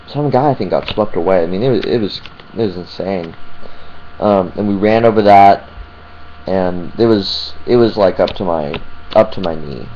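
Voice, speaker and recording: A man giving a casual, halting vlog talk to camera, often searching for details mid-thought. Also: low-pitched, mellow. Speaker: vlogger. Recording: muffled sound with clear electrical hum.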